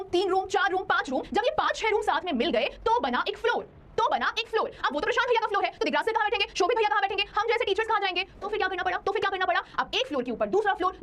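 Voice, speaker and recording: A young adult woman teaching an online science class in a studio, chatty and playful, keeps asking her students if they follow. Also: very high-pitched. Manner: chatty, playful, talks straight to students with many checking questions.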